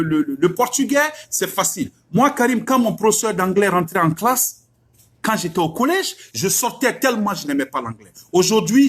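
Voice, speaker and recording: Husky, animated preacher man. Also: high voice. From West Africa. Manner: emphatic, rhetorical questions, repeats lines for effect. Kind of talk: religious exhortation.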